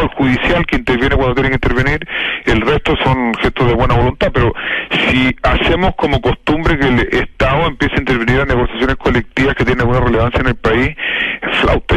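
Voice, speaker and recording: Chilean male exec, radio guest, outspoken, mid-pitched. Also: fairly bright tone, low-quality recording. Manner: frank, opinionated, peppers speech with "digamos". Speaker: mining industry executive, guest. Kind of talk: radio interview.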